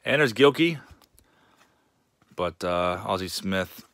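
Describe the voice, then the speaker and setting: Low-voiced casual man showing cards. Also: takes it slowly, dry recording. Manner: relaxed, rambling, many fillers. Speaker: card collector vlogger. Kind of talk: casual show-and-tell narration.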